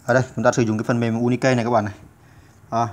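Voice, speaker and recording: A man's voice: mid-range voice, little pitch movement, very fast. A man hosting a step-by-step computer tutorial, hesitant with many filler sounds, patiently repeating each instruction. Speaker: channel host teaching computer basics.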